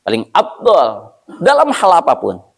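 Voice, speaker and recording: Guy preaching, chatty and loose, lots of umms, slightly high voice. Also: huge pitch swings, measured pace, gravelly, breathy edge. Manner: conversational, with hesitant fillers. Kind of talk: evening religious study sermon.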